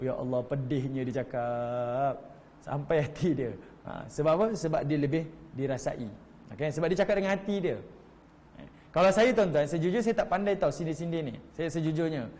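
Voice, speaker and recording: A man's voice: on the high side, darkish tone, a little hiss or hum. A middle-aged Malaysian man with a Malaysian Malay accent, teaching a Quran study lecture in a chatty way that addresses the audience directly. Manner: conversational, addresses audience as tuan-tuan, acts out quoted voices. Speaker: religious teacher. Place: hall, live stream. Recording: long hall reverb.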